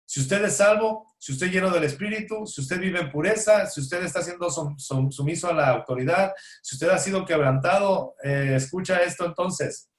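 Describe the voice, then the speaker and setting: A man leads a Bible study in a casual teaching style, often asking a question and answering it himself, with small jokes along the way. His voice sits a little high. The room around him is echoey. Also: moderate pace, few pauses. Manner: asks and answers his own rhetorical questions, joking asides. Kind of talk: conversational Bible study lesson. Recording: roomy echo.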